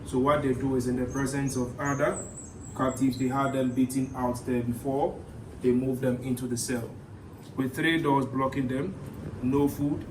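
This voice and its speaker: A man's voice: mid-range voice, level tone, moderate pace. A man working as a tour guide, explaining a historic site as he leads visitors through it. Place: inside stone castle cells and passages. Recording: echoey stone chambers, distant mic, clear background noise.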